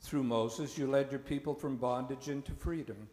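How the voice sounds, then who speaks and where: A man acting as presiding minister, leading a liturgical prayer in a slow, measured intoning voice, with a long cathedral-like echo in a large church. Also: medium pitch, steady tone, darkish tone. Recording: echoey church hall with music.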